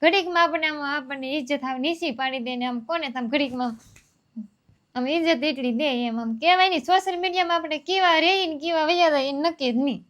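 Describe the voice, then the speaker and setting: A young village woman talks in a loose, rambling way and circles back over her points. Her voice sits high. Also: a little fast, a bit bright. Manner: rambling, homely, repeats herself. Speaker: vlogger. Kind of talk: casual storytelling.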